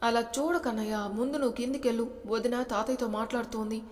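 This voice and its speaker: A woman's voice: fairly high pitch, fairly even intonation, quick pace, darkish tone, long reverb tail, close to an everyday voice. A woman voicing a teasing kid brother. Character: teasing younger brother, playful young man.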